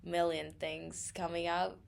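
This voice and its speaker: This podcast co-host, a young adult woman from Thailand, has a lowish, creaky voice with a level tone and a slow delivery. She chats freely, laughs a lot, and fills gaps with fillers, over slight background noise.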